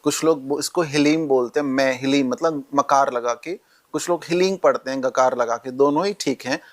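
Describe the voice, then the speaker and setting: A man's voice: medium pitch, moderate pace. A male astrologer guest in a podcast interview, instructively listing remedies step by step.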